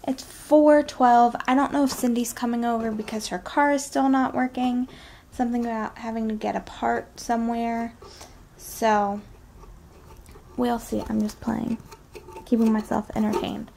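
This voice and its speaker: Young female vlogger, slightly high voice, informal rambling chat, recorded at home with background noise. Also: fairly even intonation, creaky, darkish tone. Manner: informal, drawn-out asides with frequent "like" and "kinda". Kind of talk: casual daily vlog chat. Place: at home, indoors.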